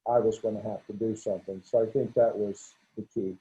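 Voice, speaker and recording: Dull lo-fi audio captures a man in his sixties, a veterinarian guest, talking openly in a conversational interview. His mellow voice is on the low side, level in tone and fairly quick, broken by stuttered repetitions and restarts.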